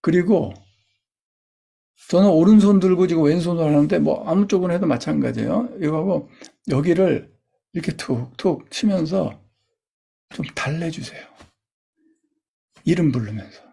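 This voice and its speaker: A man giving a lecture that guides listeners step by step through calming body exercises, demonstrating each gesture as he coaches. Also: a little high, moderate pace, gravelly, pauses often, husky. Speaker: instructor.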